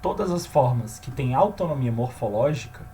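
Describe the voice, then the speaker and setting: A man teaching a grammar lesson, often checking in with his listeners and slowing down to stress key terms. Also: mid-range voice, animated, mellow, slight background noise.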